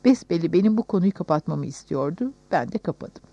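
A woman narrating a novel in the first person with calm, measured storytelling, on a dull recording. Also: on the low side, no echo. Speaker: audiobook narrator.

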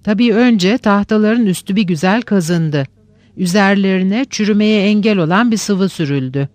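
A man with a high voice narrating literary fiction at a measured, unhurried pace. The recording is close and dry, with no room sound. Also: darkish tone, dry recording.

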